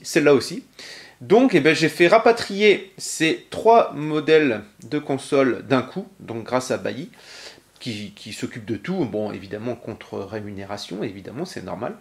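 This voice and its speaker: A man casually shows off a game console he collected, speaking hesitantly with lots of fillers, pauses and self-corrections. His voice is on the high side with a darkish tone.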